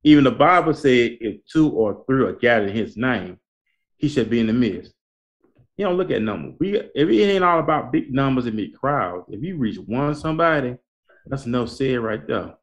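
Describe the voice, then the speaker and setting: A man's voice: mid-range voice, animated, normal speed. A man hosting a talk in a colloquial, preacherly style, repeating his points to urge listeners on. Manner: repetitive, exhorting, colloquial. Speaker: host. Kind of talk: conversational talk, motivational preaching.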